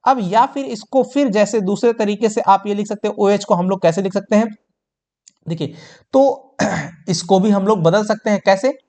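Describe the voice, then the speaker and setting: During an exam-prep board lesson in tenth-grade science, a man with a high voice and dark tone speaks at normal speed. He calls his students "children" and works through each step, answering his own questions.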